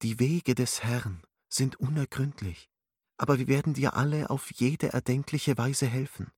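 A man voicing a calm, wise woman who counsels with soothing, gently instructive words. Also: mid-range voice, measured pace, husky, dry recording, clean studio sound. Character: calm, wise older female spiritual counselor.

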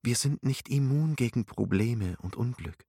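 A man voicing a calm, wise woman who counsels with soothing, gently instructive words. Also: medium pitch, a little slow, slightly rough, no room sound, clean studio sound. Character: calm, wise older female spiritual counselor.

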